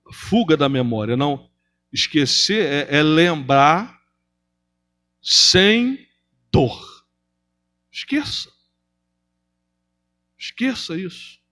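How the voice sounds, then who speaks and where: A man preaching a sermon to his congregation, asking rhetorical questions and moving between loud emphasis and hushed, drawn-out phrases, with a Brazilian Portuguese accent. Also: fairly high pitch. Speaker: pastor. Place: church.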